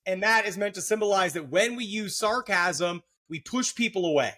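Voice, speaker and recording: A man's voice: sits high, animated, normal speed, bright, forceful tone. A middle-aged man hosting a podcast, explaining psychology in a casual, joking way with lots of fillers. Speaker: podcast host, therapist.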